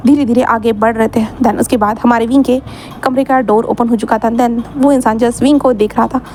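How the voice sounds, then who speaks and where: Casting: high-pitched woman, chatty storyteller, faint hiss behind. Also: steady tone, normal speed, a little mellow. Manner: chatty, mixing in English words. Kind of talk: casual story narration.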